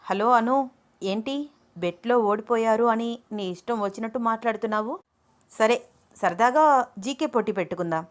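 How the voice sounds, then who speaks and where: A woman's voice: a little high, moderate pace, pauses often, natural voice. A woman voicing a confident young man who teases and bosses a younger student. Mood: teasing. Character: confident young male teacher, teasing.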